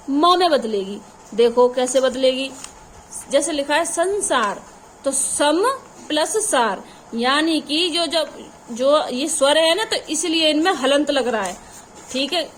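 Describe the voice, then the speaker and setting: A woman with a high voice teaches a grammar lesson for exam preparation. She keeps asking her students questions and then answers them herself. A faint hum of background noise sits under her voice. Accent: Hindi. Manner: calls the audience "children", asks questions and answers them herself.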